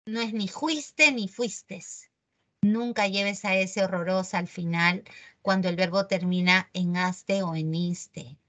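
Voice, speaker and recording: A woman's voice: mid-range voice, slow, a bit bright. A woman teaching a grammar lesson, correcting common mistakes and checking with the class through rhetorical questions.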